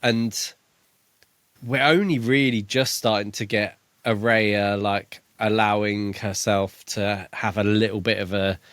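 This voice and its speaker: On a casual podcast, a male co-host talks through a book, hesitating now and then as he thinks aloud. He speaks unhurriedly in a lowish, steady voice with a fairly bright tone, recorded with no echo.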